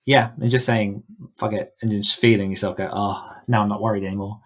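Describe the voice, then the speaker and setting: A man with a low-leaning voice and fairly even intonation talks briskly as a podcast interview guest. A horror author and coach, he comes across casual, enthusiastic, and effusive.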